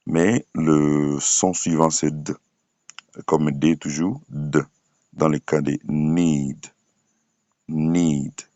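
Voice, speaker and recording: A man teaching English pronunciation to French speakers, slowly saying each word several times with many hesitation fillers. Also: very deep voice, dry recording. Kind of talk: screen-shared phonics lesson.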